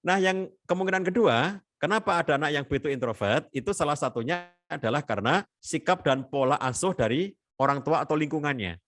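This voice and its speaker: A man's voice: on the high side, a little fast, a bit bright. A man giving a chatty, repetitive webinar talk on parenting, full of tag fillers and asides. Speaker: family and parenting speaker.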